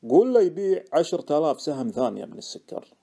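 A man with a Gulf Arabic accent voicing a calm, shrewd old male stock trader, speaking in a cool, dry, unhurried way. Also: a little high, gravelly, voice pushed up, full character voice. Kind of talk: audiobook character voice.

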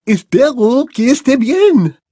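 A man reading aloud voices an imperious, languid giant French headmistress, speaking slowly and haughtily with small hesitations. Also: extremely high pitch, sing-song, dark tone, slightly rough, no echo, clean studio sound, voice pushed up, full character voice. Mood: haughty.

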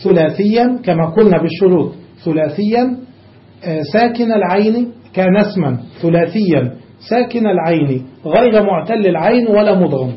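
On a muffled, low-fidelity tape, an expressive, high-voiced sheikh lectures his class on Arabic grammar. He poses rhetorical questions to the students and methodically recites word forms in sequence, as if drilling them.

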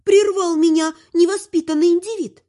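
A woman narrating a first-person fantasy audiobook in a wry, lively storytelling manner. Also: extremely high pitch, normal speed. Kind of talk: first-person fiction reading.

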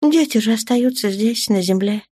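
A woman voicing a warm, emotional mother who speaks expressively. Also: on the high side, moderate pace, husky, no echo, studio quality, voice pushed up.

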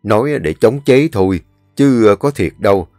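A man's voice: on the low side, expressive, moderate pace, darkish tone, no echo, clean studio sound, soft background music. A man voicing a stern, protective elderly village landlord with a firm, commanding manner. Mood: confiding.

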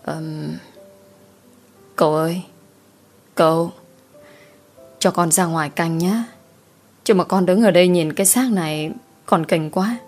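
A woman's voice: lowish voice, unhurried, long pauses, a little mellow, soft background music. A woman voicing a timid young male servant who pleads and stammers when scared. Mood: hesitant.

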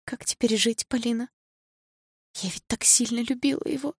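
A heartbroken young woman speaking softly through tears, breathy and low. A woman plays her in an audiobook. Dry, close recording. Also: fairly even intonation, normal speed, no room sound, heavily acted. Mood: tearful. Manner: hushed, tearful.

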